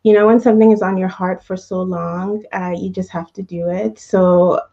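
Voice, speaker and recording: A woman from Canada in her thirties, answering interview questions as a guest in a friendly, steady way. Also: lowish voice, normal speed, creaky, lo-fi sound. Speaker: guest, career coach.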